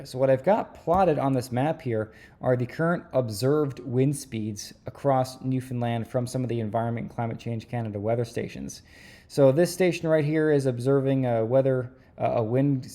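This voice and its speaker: Male weather vlogger: dark, relaxed tone, mid-range pitch, conversational forecast explainer with halting phrasing.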